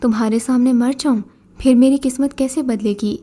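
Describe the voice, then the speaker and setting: A desperate, luckless young man, pleading and confused, read by a woman storyteller. The tone is mellow and pitched fairly high. It plays like a storybook scene. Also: fairly even intonation.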